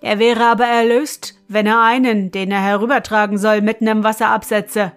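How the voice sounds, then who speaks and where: A woman reading as a gruff, grumbling griffin. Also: on the high side, little pitch movement, moderate pace, faint music behind, close to an everyday voice. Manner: loud, grumbling, demanding. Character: gruff male griffin, golden-feathered, irritable.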